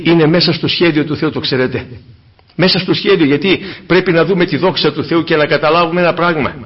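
A man preaching a fervent sermon, swinging between loud exclamations and hushed asides to the congregation. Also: a little high. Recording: dull lo-fi recording.

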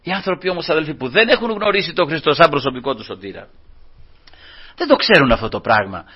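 A man's voice: fairly high pitch, sing-song, husky. Fervent male preacher on lo-fi radio. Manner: fervent, keeps calling the listeners brothers. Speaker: Pentecostal preacher. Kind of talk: sermon.

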